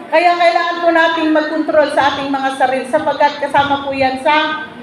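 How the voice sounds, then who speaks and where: A woman preaches to her congregation in a very high voice, pausing to call for answers from the pews. Her words ring out in a heavily echoing hall. Faint noise hums underneath. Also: flat delivery, a faint crowd. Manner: preaching to a congregation, asking them for responses. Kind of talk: sermon. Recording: very echoey room, faint background noise.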